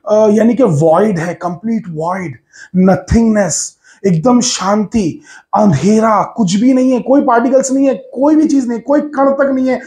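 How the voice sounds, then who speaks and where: A man's voice: high voice, mellow. A man teaching a physics lesson at a whiteboard, emphatic and coaxing, repeating key words for his students.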